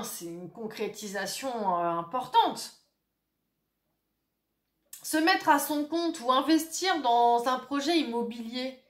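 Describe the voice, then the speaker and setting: A woman giving a casual tarot reading for her viewers, chatty and hesitant, with many fillers and asides. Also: a little high. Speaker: tarot card reader. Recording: roomy echo.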